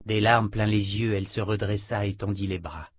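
A man narrating a fantasy audiobook in a calm, measured way. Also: lowish voice, slight background noise.

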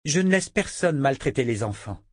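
A man voicing a calm, protective young woman who speaks firmly, in an audiobook reading. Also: medium pitch, normal speed, husky, dry recording, studio quality.

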